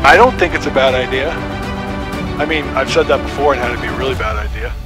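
A man's voice: medium pitch, quick pace, rough recording. A middle-aged man chatting casually and enthusiastically while test-driving a vehicle he built, speaking through a headset. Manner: enthusiastic, exclaiming. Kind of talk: casual chat. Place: inside a tracked vehicle cab, outdoors in snow. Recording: music playing under the voice.

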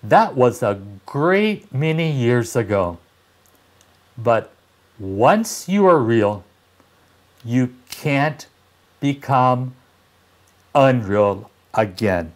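A man voicing a wise, gentle old toy horse from a storybook, explaining things patiently and deliberately. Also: medium pitch, animated.

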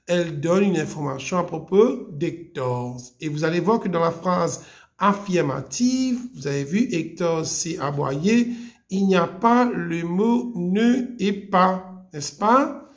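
A woman's voice: lowish voice, expressive, slow. A woman teacher giving a French grammar lesson, patient and explaining step by step, often repeating key points.

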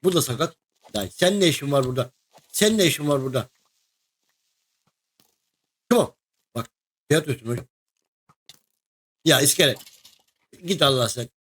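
A young man giving casual, excitable commentary while playing a game, chatting to the creatures and a co-player. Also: medium pitch, measured pace, long pauses. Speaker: gaming video host. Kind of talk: casual let's-play commentary.

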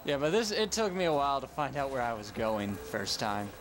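A man's voice: medium pitch, sing-song, fairly quick. Young man, game commentary, rambling, self-correcting, noisy home recording. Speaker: let's play gamer. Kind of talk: casual gameplay commentary.

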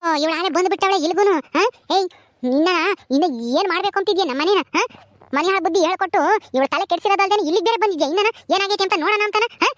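A woman's voice: very high voice, very fast, dry recording. A woman doing a nagging, scornful village mother-in-law. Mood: scolding. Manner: scornful, nagging with repeated "haa?". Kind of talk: village family skit.

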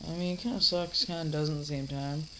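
Talking fast in a slightly high, steady voice, a teen vlogger fighting off a cold rambles casually, restarting and filling gaps, against a noisy background. He sits in a recliner in a dim living room and pretends to scold a heckler who isn't there.

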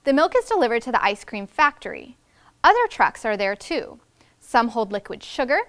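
A woman's voice: fairly high pitch, very animated, moderate pace. A woman in her thirties giving a read-aloud lesson to young children as a teacher, carefully enunciating the big words. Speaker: first grade teacher. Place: indoors in a classroom.

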